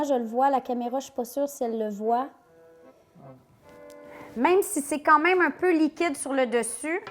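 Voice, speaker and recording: A woman's voice: high-pitched, a bit bright. A woman hosting a cooking tutorial, chatty and playful as she talks to viewers in a home kitchen. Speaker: cooking show host.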